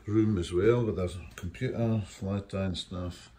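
A man giving an informal, halting walk-through tour of a wooden lodge, speaking into a handheld phone as he walks. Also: low voice, fairly even intonation, dark tone. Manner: unhurried, informal, halting with fillers. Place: wooden lodge rooms and hallways, indoors. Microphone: phone camera held while walking. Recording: echoey rooms with clear handling noise.

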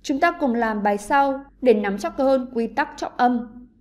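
A woman with a Vietnamese accent, teaching an online English lesson to pupils and explaining slowly and carefully. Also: a little high.

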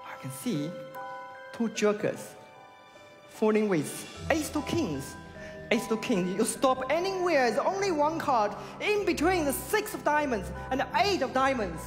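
Chinese-native magician doing stage patter. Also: male voice, extremely high pitch, very animated. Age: 30s. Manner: halting non-native English, showman patter. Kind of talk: talent show magic performance patter. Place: large theatre stage with audience. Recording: reverberant theatre with crowd and music.

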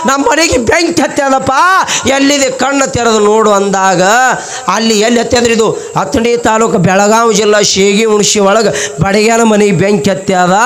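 A man with a North Karnataka Kannada accent preaching a storytelling sermon and acting out the characters' voices. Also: high voice. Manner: acts out characters' voices while telling a story.

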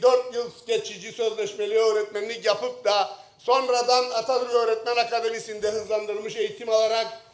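Impassioned middle-aged Cypriot MP at a lectern microphone, pitched high, roomy hall sound. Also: male voice. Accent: Turkish Cypriot. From Northern Cyprus. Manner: speaking at a lectern microphone in the chamber; impassioned, swings from low jabs to shouted outbursts. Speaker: member of parliament. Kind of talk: parliamentary floor speech. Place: parliament chamber. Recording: roomy chamber echo.

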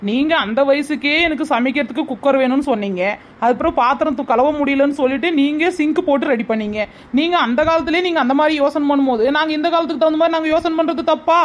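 A woman playing a defiant young daughter-in-law who talks back quickly. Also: sits high, close to an everyday voice.

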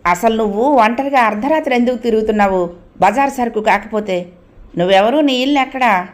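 A woman voicing a bullying male night-beat policeman, gruff and interrogating. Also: on the high side, fast talker, natural voice. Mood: demanding.

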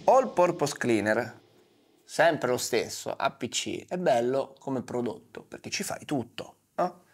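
A man's voice: medium pitch, animated, slow, husky. A man in his thirties gives casual instructional commentary in colloquial speech, talking straight to the viewer with rhetorical questions. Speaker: car detailing presenter. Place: small padded studio, seated at a desk. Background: music.

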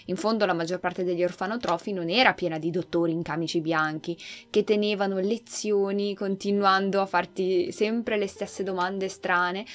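A woman hosting a gaming channel, reading a game's story aloud in an expressive storytelling manner. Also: medium pitch.

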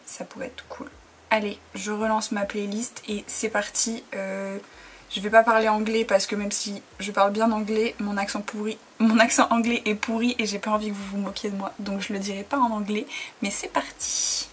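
A woman's voice: medium pitch, level tone, a little fast, slight background noise. Chatty tired young woman vlogging. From France. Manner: chatty, rambling, many fillers. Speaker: freelance graphic designer. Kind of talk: casual vlog chat to camera.

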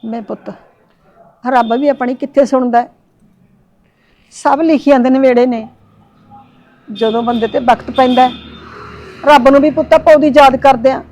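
A woman's voice: high-pitched, fairly even intonation, normal speed, pauses often, darkish tone. An actress playing an elderly village mother who pleads with and consoles her family. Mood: resigned. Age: older. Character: grieving elderly village mother, tender and devout. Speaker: actor. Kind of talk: village drama acting.

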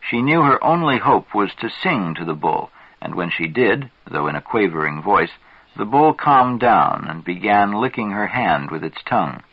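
A man with a low, husky voice reads aloud from a psychology book, taking each sentence in a measured, deliberate way. The recording is dull and lo-fi, with a dry sound and no room echo. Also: very animated. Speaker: reader. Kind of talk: scripted narration of a psychology book.

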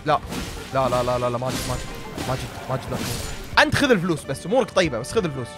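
A man giving excitable commentary while playing a game, panicking and repeating himself. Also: mid-range voice, rapid-fire, music in the background. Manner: panicky, yelling and repeating words under pressure. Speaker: gaming video creator. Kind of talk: excitable let's-play commentary to viewers.

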